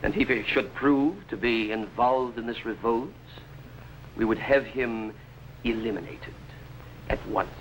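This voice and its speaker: A man's voice: medium pitch, unhurried, natural voice. An actor playing a haughty, scheming King of England, speaking formally and imperiously in 1950s television drama style. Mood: haughty, menacing. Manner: imperious, formal royal speech. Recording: faintly noisy old TV soundtrack.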